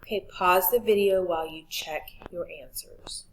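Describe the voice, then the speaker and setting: A woman teacher giving clear, patient instructions in a recorded spelling lesson for young students. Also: lowish voice, moderate pace, low-quality recording.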